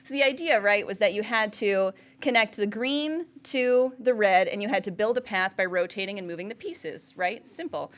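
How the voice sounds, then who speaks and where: At a medium pitch, she moves at a moderate pace with few pauses, her tone a little bright. She's a Vermont entrepreneur in her thirties giving a presentation, chatty and full of "like," "right?" and laughs.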